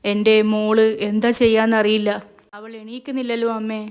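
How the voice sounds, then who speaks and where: A woman's voice: a little high, flat delivery, fairly quick, smooth, lightly acted. A woman voicing an anxious young mother who is pleading and fearful for her sick daughter. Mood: worried pleading. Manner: pleading, worried.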